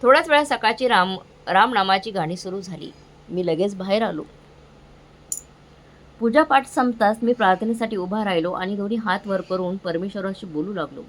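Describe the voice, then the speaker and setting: A woman tells an emotional moral story in the first person. Her reading is earnest and heartfelt, with an even, mid-range voice. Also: medium pitch, normal speed.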